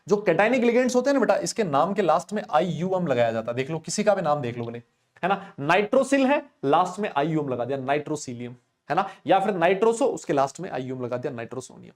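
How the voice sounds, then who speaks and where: A man's voice: fairly high pitch, big pitch swings, fast talker. A man teaches chemistry in a live online class. He talks in a chatty, teasing way, keeps checking in with his students, and answers their comments as they come in. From India.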